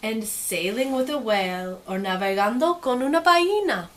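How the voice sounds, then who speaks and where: The clip has a woman doing a bilingual picture-book reading with easygoing commentary; the story gets an expressive voice, the comments a softer one. She speaks at a normal speed with a fairly high pitch.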